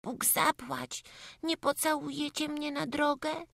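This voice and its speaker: A woman's voice: sits high, steady tone, takes it slowly, gravelly, fairly bright tone, no echo, studio quality, pitched above the performer's own voice, heavily acted. A woman voicing a small homesick peasant boy who talks with a childish dialect lisp. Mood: eager.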